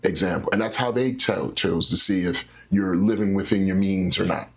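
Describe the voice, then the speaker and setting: Low husky man explaining credit. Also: normal speed. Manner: animated, teacherly, acts out scenarios. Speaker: credit specialist guest. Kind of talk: explaining with stories in an interview.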